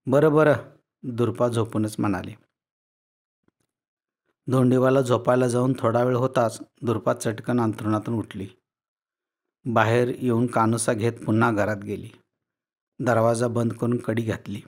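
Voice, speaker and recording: Man narrating a village story. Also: medium pitch. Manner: steady, measured narration. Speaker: author and story reader. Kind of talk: audiobook storytelling.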